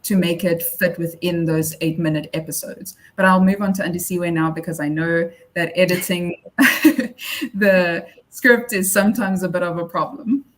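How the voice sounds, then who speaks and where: A woman's voice: lowish voice, fairly even intonation, moderate pace, few pauses. A woman speaking as a panelist, explaining her work in an unscripted talk. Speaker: panelist, fact-checking podcast scriptwriter.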